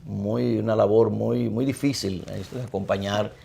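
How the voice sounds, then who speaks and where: A middle-aged priest with a Dominican Spanish accent, speaking in a low voice with a gravelly, fry-laden edge. He talks through his life in a measured, reflective way, as a guest in an interview. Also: steady tone, warm tone, slight background noise. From Dominican Republic.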